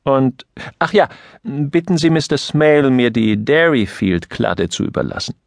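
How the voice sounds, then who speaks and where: A man voicing a fussy male office manager in an audiobook, giving brisk instructions. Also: medium pitch, vocal fry, no echo, studio quality, pitched above the performer's own voice. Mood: businesslike.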